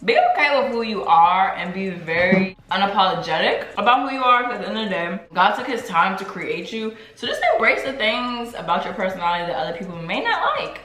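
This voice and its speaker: A young adult woman hosts her own vlog, chatting casually and laughing as she eats. She talks fast and animatedly with a sharp, mid-range voice and hardly pauses, captured in a roomy home recording.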